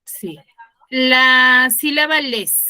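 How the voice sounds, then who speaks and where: Woman teacher quizzing pupils online; bright, clear voice, unhurried delivery. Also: sits high. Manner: quizzing students, explains patiently. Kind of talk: online class instruction. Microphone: video call.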